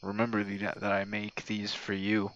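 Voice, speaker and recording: A man with a lowish, monotone voice speaks at a normal pace, his tone fairly bright, on a lo-fi recording. He's a content creator sending a friend an informal ASMR-style audio message full of rambling and hesitation. Crickets and other night insects chirp behind him.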